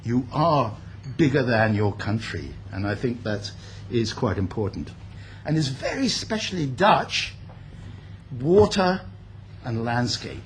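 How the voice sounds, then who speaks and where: An older man who grew up in India gives an unscripted speech at a building opening, reflective and pausing often with fillers. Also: medium pitch, big pitch swings, a little hiss or hum. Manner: reflective, speaks off the cuff with many pauses and fillers. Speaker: guest speaker. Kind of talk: formal speech. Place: event hall at a building opening.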